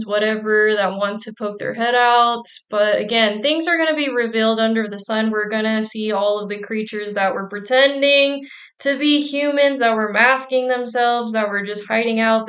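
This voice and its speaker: A woman host gives casual commentary on viewer clips in a fairly high voice. Her talk is breezy and conspiratorial, full of fillers and trailing phrases. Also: fairly bright tone.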